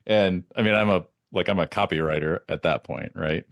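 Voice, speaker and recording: A man being interviewed as a podcast guest, telling lively anecdotes and laughing often. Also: low-pitched, brisk, creaky, no echo. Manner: animated anecdotes with frequent laughs. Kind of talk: casual interview storytelling.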